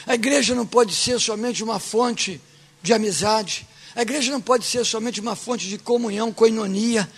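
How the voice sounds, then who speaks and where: A man preaching a fervent sermon as pastor, often shouting. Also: extremely high pitch, slightly rough.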